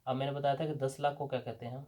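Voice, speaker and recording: A man's voice: mid-range voice, little pitch movement, rapid-fire, warm tone. A man with a Pakistani Urdu accent teaching a language lesson at a board, patiently asking questions and answering them himself.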